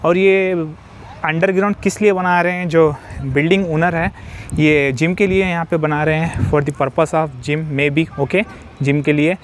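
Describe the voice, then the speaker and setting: With a fairly high pitch, fairly even intonation, and a measured pace, this man walks an outdoor construction site, phone in hand to film. A slight hiss or hum sits under his walkthrough as the civil construction vlogger explains the work over and over, mixing in English technical terms.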